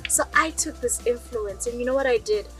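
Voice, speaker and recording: A woman's voice: on the high side, a little fast, soft background music, rough recording. A young South African woman, a native Northern Sotho speaker, talking straight to her viewers as a storyteller and asking them questions as she goes. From rural South Africa. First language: Northern Sotho (Lobedu). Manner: chatty, addresses viewers directly with rhetorical questions. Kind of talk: direct-to-camera personal vlog.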